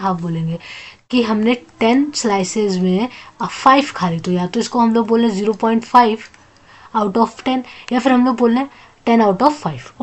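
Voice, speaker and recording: A young woman with an Indian accent teaching a maths lesson, reading English lines slowly, then explaining quickly in Hindi and answering her own questions. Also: on the high side.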